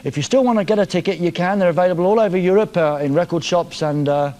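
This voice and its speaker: A man's voice: high-pitched, fast talker, darkish tone. A man hosting a live television music show from a studio, reading viewer messages in a jokey, teasing, playful way.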